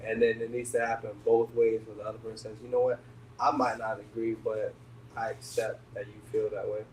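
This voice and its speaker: A man in a casual group podcast chat, explaining his point calmly and step by step. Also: fairly low pitch, brisk. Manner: calm, explanatory. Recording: echoey room, mic at a distance, faint noise.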